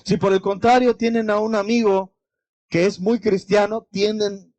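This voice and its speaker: A man's voice: high-pitched, level tone, moderate pace, a little mellow, no room sound. A man with a Mexican accent preaching a sermon as pastor, talking straight to the congregation with many rhetorical questions. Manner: conversational preaching with direct address and rhetorical questions.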